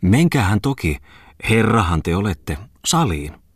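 A man's voice: on the low side, big pitch swings, husky, dry recording, studio quality, voice pushed up, heavily acted. A man voicing a garrulous old countrywoman, a miller's wife who rambles on in an old-fashioned storybook.

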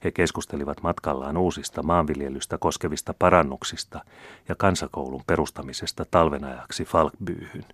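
A man narrating an audiobook in a steady, measured reading. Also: very deep voice, dry recording. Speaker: audiobook reader. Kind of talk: scripted narration.

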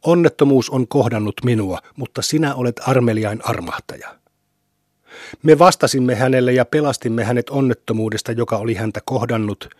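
Solemn man reading scripture, husky. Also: mid-range voice, darkish tone, dry recording, clean studio sound. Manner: measured, solemn recitation with falling phrase ends. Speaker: Quran reader.

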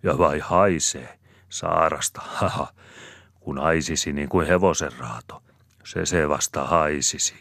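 A man's voice: rumbling low, steady tone, fairly bright tone, dry recording, studio quality. A man voicing a chatty middle-aged cottager father who talks in a rambling, boastful rustic way. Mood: jesting.

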